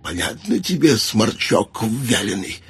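A man voicing a cruel old necromancer archmage who grumbles and mocks, in a raspy, gravelly voice. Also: on the low side, very animated, a little slow, fairly bright tone, full character voice. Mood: scolding. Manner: grumbling, mocking, gloating. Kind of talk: audiobook character voice.

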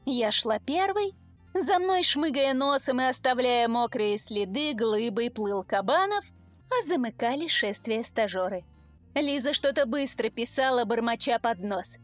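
A woman's voice: a little high, animated, unhurried, faint music behind. A woman narrating a story in the first person in a dry, ironic manner.

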